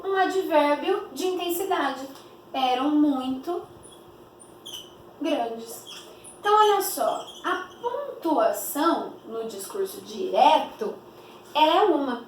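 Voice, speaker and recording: High-voiced woman teaching, echoey room. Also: far from the mic, slight background noise. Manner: didactic, stretches example phrases slowly, many rhetorical questions. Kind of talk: explanatory classroom lesson.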